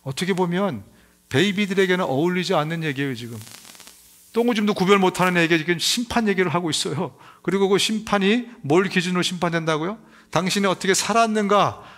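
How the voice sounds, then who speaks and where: 높은 목소리의 열정적인 남자 목사. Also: male voice, sits high, fast talker, a bit bright. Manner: emphatic preaching, acts out crying babies in a raised voice. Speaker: pastor. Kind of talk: sermon.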